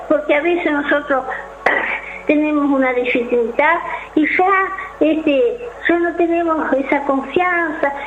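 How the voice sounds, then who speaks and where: A woman with a Uruguayan Spanish accent gently exhorting listeners to trust God, adding frequent tag questions. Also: high-pitched, roomy sound, narrow, tinny audio, slight background noise.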